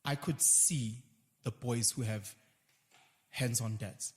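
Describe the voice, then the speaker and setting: A South African man talking in a casual conversation as a guest, animated and slipping into quoted voices now and then. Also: medium pitch, slow, long reverb tail.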